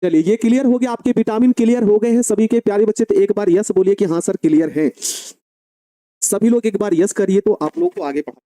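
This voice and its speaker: Slowly dictating notes and repeating phrases, a male online chemistry teacher affectionately addresses his students as dear children. He speaks in a high pitch with a dark tone, and the recording has no echo.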